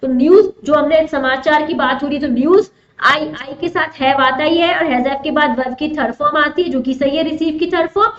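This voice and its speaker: A woman's voice: high voice, normal speed. A woman teaching English grammar in an online exam-prep lesson, explaining step by step, mixing Hindi with English terms and asking her students questions. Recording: roomy, dull lo-fi sound.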